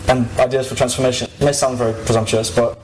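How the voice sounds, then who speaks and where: A man's voice: mid-range voice, level tone, quick pace, roomy sound, a little hiss or hum, rough recording. A 21-year-old man giving an informal, reflective podium speech to an audience, with some hesitancy. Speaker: activist giving a talk. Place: live event stage before an audience.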